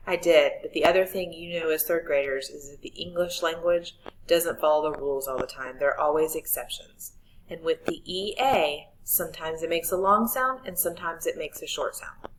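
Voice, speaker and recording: Patient teacher, a woman with a lower voice, giving step-by-step instructions to children. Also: a little hiss or hum, rough recording. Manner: clear, patient instructions to students. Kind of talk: recorded spelling lesson for children.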